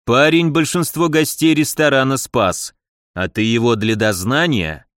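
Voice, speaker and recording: A man's voice: medium pitch, unhurried, fairly bright tone, no room sound, clean studio sound, natural voice. A man voicing a haughty, powerful prince in an audiobook, drawling with scorn. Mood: scornful.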